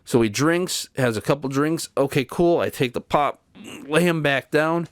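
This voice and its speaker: A man's voice: a little high, moderate pace, dry recording, studio quality. A man hosting his own channel, telling a long personal story in a tired, exasperated way. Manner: weary, exasperated retelling of events. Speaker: channel host. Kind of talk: casual storytelling to camera.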